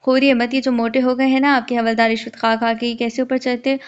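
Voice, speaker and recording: A woman voicing a brash, cheeky young woman who mocks the police with quick taunts. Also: fairly high pitch, level tone, smooth, muffled recording, lightly acted. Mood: taunting. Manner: mocking, rapid taunts.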